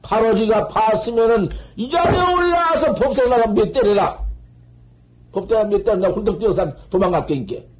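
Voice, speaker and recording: Animated older man giving a Zen lecture. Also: sits high, normal speed, poor audio. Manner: animated, scolding, swings from loud outbursts to murmurs. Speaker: Zen master giving a dharma talk. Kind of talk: Buddhist dharma lecture on koans. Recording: old 1970s tape recording.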